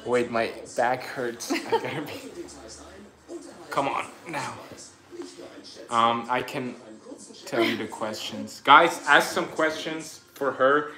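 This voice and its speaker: A man in his twenties from Austria hosts a casual livestream from his living room couch, upbeat as he chats and thanks viewers for donations. His mid-range voice sounds pushed and bright, picked up by a phone camera propped in front of him in an echoey room.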